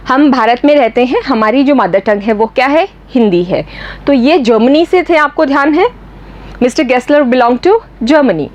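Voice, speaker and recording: A woman with an Indian English accent teaching a school lesson, explaining each point in English and repeating it in Hindi with questions to her pupils. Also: on the high side.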